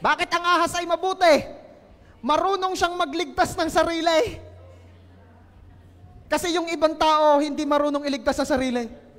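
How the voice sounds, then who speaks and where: A Filipino man preaching a lively, joking sermon, often asking the congregation questions. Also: extremely high pitch, normal speed, pauses often, long reverb tail. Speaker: pastor. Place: church hall.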